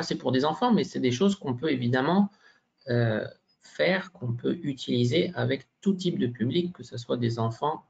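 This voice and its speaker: A man's voice: mid-range voice, vocal fry, breathy edge. A man giving a teacher-training workshop presentation, hesitant, with many fillers and frequent tag questions. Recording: dull lo-fi sound.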